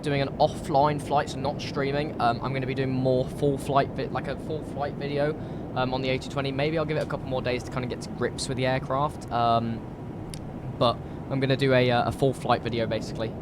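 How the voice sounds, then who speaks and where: A British man with a slightly croaky voice from a cold, chatting informally and thinking aloud as he live streams a flight sim. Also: mid-range voice, background noise. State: recovering from a cold. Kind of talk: casual live stream chat while flight simming.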